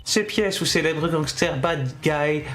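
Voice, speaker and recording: A man streaming video games, chatting casually, reacting with quick jokes and frequent swearing. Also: a little high, a bit bright, soft background music. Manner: reactive, swears, jokey asides. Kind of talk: casual gaming commentary.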